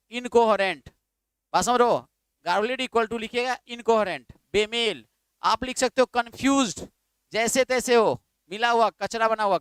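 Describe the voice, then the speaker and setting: A man leads a vocabulary lesson, drilling terms again and again. His voice sits high for a man and sounds clean and crisp. The recording is dry and close, with no room echo. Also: fairly bright tone. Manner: repetitive, drilling, asks students to write words down. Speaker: English vocabulary teacher. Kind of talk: classroom lecture in Hindi with English terms.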